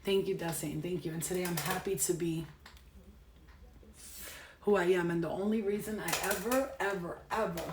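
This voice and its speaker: Speaking with a lowish voice over some background noise, this woman, a spiritual healer and tarot reader in her late thirties, talks casually to her live-stream audience. She's loud, swearing and animated in her rants, then drops into soft, sincere asides.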